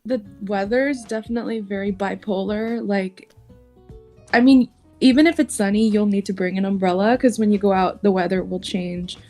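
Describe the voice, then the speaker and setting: A woman born in China, a podcast guest, speaking softly with hesitations and easy laughs. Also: medium pitch, moderate pace, faint music behind. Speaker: podcast guest, esports player. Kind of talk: casual chat.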